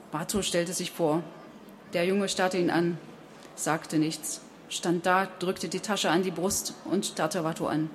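A woman narrating an audiobook in an even, measured storytelling manner. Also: on the low side, a little hiss or hum. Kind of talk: audiobook reading.

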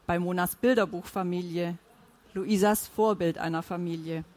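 A woman with a fairly low pitch narrates a novel as an audiobook reader. Her scripted storytelling is measured and even.

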